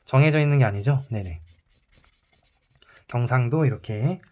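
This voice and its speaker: Male teacher, mid-pitch voice, calm step-by-step math lesson, slightly dull lo-fi recording. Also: moderate pace. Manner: calm, explains step by step while drawing.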